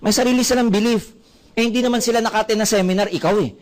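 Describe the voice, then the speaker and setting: A man with a Filipino accent giving a motivational seminar talk, animated and full of stories told with quoted dialogue. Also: high voice, fast talker. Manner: animated, storytelling with quoted dialogue, mixing Tagalog and English. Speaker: network marketing speaker.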